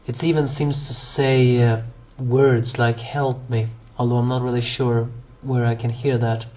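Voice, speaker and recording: Alone with his thoughts on an anime episode, a young man with a hoarse, mid-range voice rambles along. He fills the gaps with plenty of fillers, restarts and corrects himself, and his tone is a little mellow.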